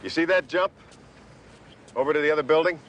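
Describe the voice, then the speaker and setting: A man's voice: fairly high pitch, brisk, a bit bright, slight background noise, natural voice. An actor playing a reformed cat burglar, a middle-aged man on parole who talks wryly and begs for help. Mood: wistful. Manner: wry, chuckling, then pleading. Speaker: ex-convict on parole.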